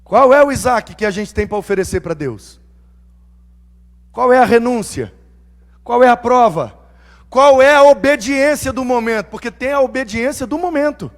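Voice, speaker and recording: High-voiced, animated middle-aged pastor. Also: male voice, normal speed. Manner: animated, acts out quoted dialogue in voices; humorous, self-mocking. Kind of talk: sermon with personal storytelling.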